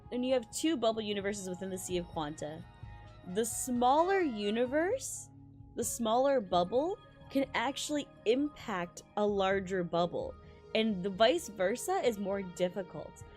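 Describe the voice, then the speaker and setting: Reading story text live on stream, this woman gets excitable, bursting into exclamations and fumbling words over the game's music. She speaks at a measured pace in a mid-range voice.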